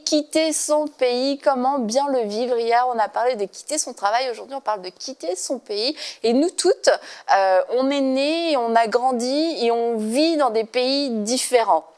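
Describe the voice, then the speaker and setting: A woman's voice: on the high side, darkish tone, smooth. Laughing woman hosting a faith talk show. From born in Korea, raised in France. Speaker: host.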